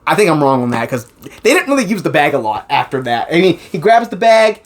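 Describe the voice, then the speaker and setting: A man's voice: on the high side, very animated, quick pace. A man casually recapping a movie plot, rambling, swearing often and laughing. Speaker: co-host.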